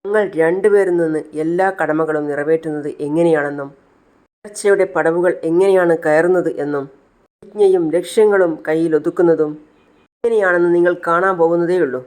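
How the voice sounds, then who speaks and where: A confident young bride answers her rivals with a defiant, speech-like firmness, as a man puts her on. Her voice sits fairly high, in the style of a retold family serial. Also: brisk, a little mellow, smooth, lightly acted.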